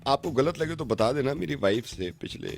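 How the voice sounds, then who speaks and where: A male radio host playing Rajesh, a touchy, aggrieved husband who calls to complain and then shouts back, over a music bed. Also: mid-range voice, lively intonation, fairly quick, vocal fry. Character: aggrieved husband caller, touchy, quick to take offence. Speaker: radio prank caller. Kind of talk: radio prank call.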